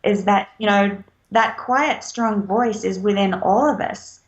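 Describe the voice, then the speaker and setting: A woman author, a guest in a casual interview chat, speaks at a medium pitch and an unhurried pace. She sounds reflective and hesitant, using many fillers. The recording has a slightly dull, lo-fi quality.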